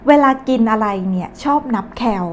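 A woman's voice: on the high side, animated, a little hiss or hum. Chatty Thai woman teaching English phrases. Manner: chatty, explains phrases slowly. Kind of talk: casual English lesson vlog.

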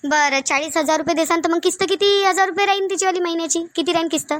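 A high, brisk cartoon village woman pleads for calm, repeating herself gently, as a woman acts her out. She speaks with a Varhadi Marathi accent. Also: no room sound. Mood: polite. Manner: soothing, pleading, repetitive. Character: calm peacemaking group leader woman Sulochana.

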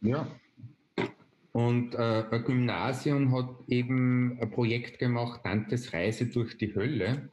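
A man, explaining a software tool step by step on a video call, with frequent hesitation fillers. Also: medium pitch, steady tone, slow, a little hiss or hum. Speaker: presenter. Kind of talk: online webinar demonstration. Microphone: video call webcam.

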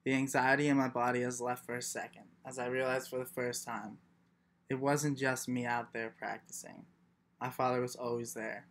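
Young male student, reflective first-person monologue, flat even pitch, measured. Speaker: student performer.

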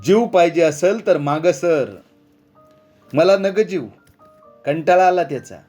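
Brief: male narrator as hot-headed rural washerman, raised pitch, shouting. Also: fairly even intonation, fast talker, faint music behind, close to an everyday voice. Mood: angry. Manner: shouting, defiant rural speech.

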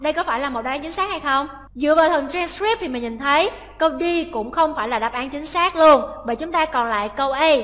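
A woman teaches English exam preparation, walking through each answer step by step. Her voice is high and bright. A long reverb trails behind her voice. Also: animated, fast talker. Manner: explains step by step, switching to read English lines. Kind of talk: exam-prep lesson.

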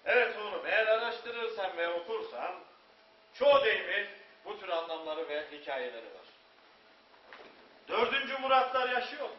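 An actor playing a moralizing father who tells cautionary tales on stage, with dramatic pauses. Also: sits high, lively intonation. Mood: earnest, instructive. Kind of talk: stage storytelling narration. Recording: echoey, muffled, noisy distant stage recording.

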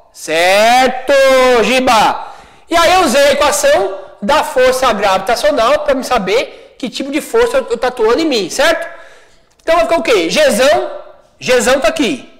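A man with a Brazilian Portuguese accent, a studio teacher working through a high school physics exercise, chatty and checking often that students follow. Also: a bit bright, low-quality recording. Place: classroom studio.

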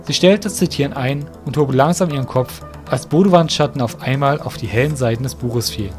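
Reading from a script, a man narrates a fantasy audio drama in a medium-pitched voice, going a little fast. Music is clearly audible behind his storytelling.

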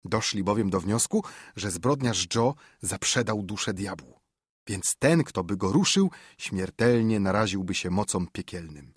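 A male narrator reads a literary audiobook with a lively, rising-and-falling delivery. His voice has a slightly husky grain and sits at a middling pitch. The recording is dry and close, with no room sound. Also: no room sound. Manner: measured, expressive storytelling.

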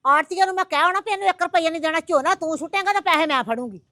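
An actress playing a sharp-tongued village mother who scolds her son with rapid-fire questions in a comedy skit. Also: extremely high pitch, no room sound, studio quality. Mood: scolding.

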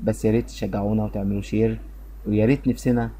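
A man with an Egyptian Arabic accent teaching a beginner English lesson, patiently explaining and slowly repeating short phrases for drilling. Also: lowish voice, flat delivery, mellow, slight background noise.

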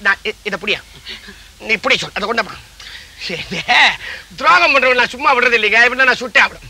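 An actor playing a blustering comic gangster boss in a stage play, bossy and boastful, barking orders and threats. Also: male voice, extremely high pitch, sharp tone, exaggerated voice.

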